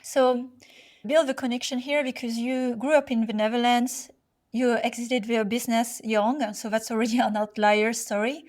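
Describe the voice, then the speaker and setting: A woman's voice: fairly high pitch, steady tone, moderate pace, darkish tone. A woman hosting a podcast interview, asking curious, winding questions. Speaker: podcast host.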